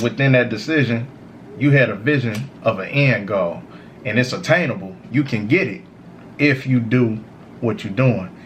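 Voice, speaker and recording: This man, high on cannabis, hosts a smoke session series and delivers a casual, meandering motivational monologue. His mid-range voice carries slight background noise, and his phrasing is informal and slangy, full of repeated "you know" tags.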